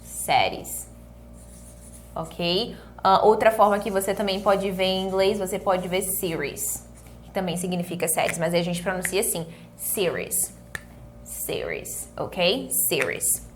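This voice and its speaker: A Brazilian woman, a native Portuguese speaker, teaching an online English lesson, saying English phrases slowly and often checking that her students follow. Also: fairly low pitch, fairly even intonation, slight background noise. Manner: slow drilled English phrases between brisk explanations; coaxing, checks in with the class often.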